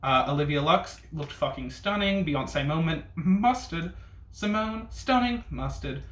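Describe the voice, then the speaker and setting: The host of a ranking video, a man with a slightly high, fairly bright voice, reacts casually at a measured pace with lively intonation. He speaks like a sassy, bitchy drag queen, throwing in camp slang and swear words. Faint noise and room echo are audible.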